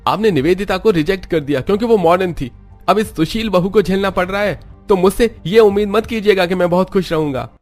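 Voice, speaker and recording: A man voicing a short-tempered young husband who talks in an irritable, shouting way. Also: a little high, brisk, faint music behind, pitched above the performer's own voice, close to an everyday voice. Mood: angry. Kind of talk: cartoon story voice acting.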